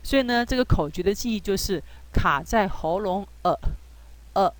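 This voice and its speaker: A woman's voice: mid-range voice, animated, dry recording. Patient woman teaching phonics. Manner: patient, reassuring, many drawn-out fillers. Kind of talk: relaxed spoken lesson.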